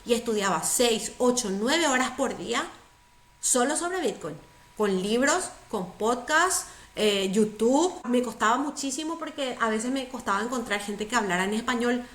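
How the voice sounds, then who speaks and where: A middle-aged woman from Paraguay, whose first language is Spanish, speaks as a guest in a conversational interview. Her fairly high voice is expressive, at a normal speed, in an echoey room, and she is earnest and emphatic, repeating words for stress.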